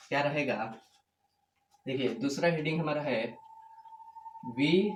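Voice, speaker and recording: A man's voice: fairly high pitch, slight background noise. Repetitive man teaching in an echoey room. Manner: repetitive, asks questions and answers them himself; slow, drawn-out demonstration of sounds. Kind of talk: whiteboard grammar lecture.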